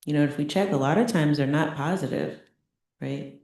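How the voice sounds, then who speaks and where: A middle-aged woman speaks at a normal pace in a deep, gravelly, slightly mellow voice, giving a chatty Buddhist dharma talk in a meditation center teaching room. She often asks "right?" and laughs lightly, and the space sounds very echoey.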